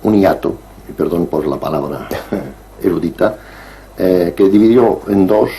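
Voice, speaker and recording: A man in his sixties from Barcelona, speaking as an interview guest in a measured, digressive way with frequent hesitations. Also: sits low, warm tone, slight background noise, rough recording. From Barcelona, Spain. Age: 60s. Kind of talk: reflective interview conversation.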